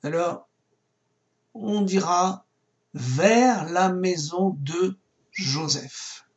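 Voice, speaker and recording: Slow, patient man teaching Hebrew grammar. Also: high-pitched, dull audio. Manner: slow, patient, spelling out words. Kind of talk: recorded lesson.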